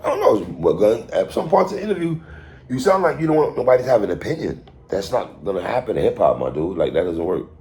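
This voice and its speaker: A New York City man with a lowish, darkish voice talks fast in a sing-song way. He reviews a hip hop album with casual, opinionated commentary, emphatic and repetitive and full of slang, speaking straight to the artist.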